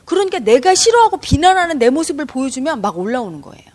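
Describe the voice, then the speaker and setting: A woman's voice: sits high, sing-song, quick pace, darkish tone. A woman giving an emphatic, conversational spiritual lecture as a meditation teacher, often turning to her listeners with direct questions.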